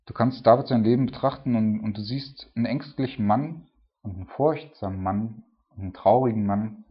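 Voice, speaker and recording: A man's voice: on the low side, moderate pace, highs cut off. A man giving a sermon in a conversational tone, filling his talk with "so" and "ne?". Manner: conversational preaching, peppered with "so" and "ne?". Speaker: preacher. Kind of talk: sermon on a psalm.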